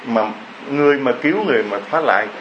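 A man's voice: mid-range voice, lively intonation, quick pace, fairly bright tone, dull audio, slight background noise. A man preaching a homily, telling a story and firing off rhetorical questions to the congregation.

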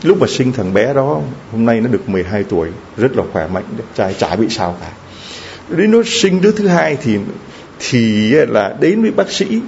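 A male preacher tells a story as a moral lesson, with a gravelly edge to his voice. His pitch leaps high and drops low as he gets caught up in the telling, often stammering over the same word. The recording is dull and lo-fi, with a faint hiss underneath. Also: very animated, moderate pace, darkish tone. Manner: emotional retelling with stammered repeats.

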